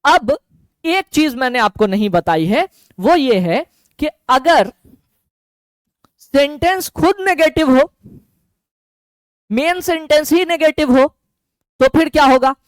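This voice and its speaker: A man with a Bihari Hindi accent teaching English grammar in an online lesson, drilling each form slowly and over again. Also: very high-pitched, no room sound. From Bihar, India. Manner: slow, repetitive drilling with lively rising and falling intonation.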